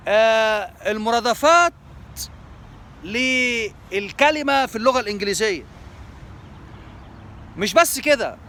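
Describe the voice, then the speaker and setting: An Egyptian man speaking with an Egyptian Arabic accent promotes a language lesson, explaining terms and repeating them in both Arabic and English as he switches between the two. His voice is extremely high, bright and forceful, with slight background noise.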